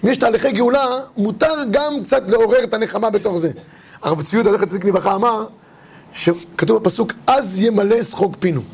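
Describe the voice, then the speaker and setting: A man's voice: high-pitched, husky. A rabbi giving a religious lesson, telling humorous stories and acting out his characters' lines. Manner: lively storyteller, acts out the characters' lines. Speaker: rabbi teaching religious law.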